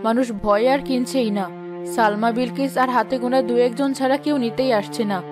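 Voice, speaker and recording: A woman's voice: a little high, fairly even intonation, a little fast, natural voice. A woman voicing an honest, determined village mother selling vegetables, speaking sincerely, over background music. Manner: sincere, steadfast.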